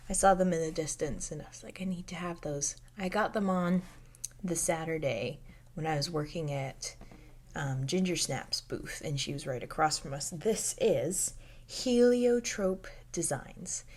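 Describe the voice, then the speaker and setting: A young woman hosting a casual knitting podcast from home, speaking softly and often dropping to a near-whisper. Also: lowish voice, breathy edge. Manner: soft-spoken, drifting into near-whispers.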